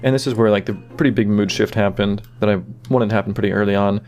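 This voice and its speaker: Over faint music, a low-voiced man relaxedly shares behind-the-scenes thoughts on his animation. He speaks at a quick pace and keeps using fillers like "kinda" and "you know."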